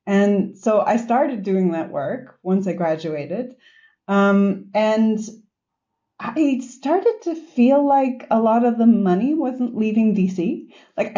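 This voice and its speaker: A woman in her forties with a Boston accent answers interview questions in a reflective, storytelling manner, pausing on small fillers. Her voice is mellow and soft-edged. The recording sounds dull and lo-fi, like a remote call. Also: mid-range voice. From north of Boston, US. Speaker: podcast guest.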